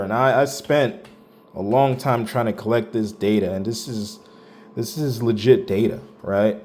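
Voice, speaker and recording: A man's voice: medium pitch, darkish tone. A man casually walking through his own hardware benchmark results, talking in a loose, rambling way with slang and some swearing. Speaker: tech channel host.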